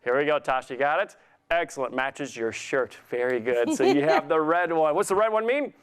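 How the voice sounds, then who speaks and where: Animated, higher-pitched man, kids party magician. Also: a little fast. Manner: kids party magician, encouraging, playful, asking simple questions. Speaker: kids' magician, guest entertainer. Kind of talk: interactive children's magic show patter.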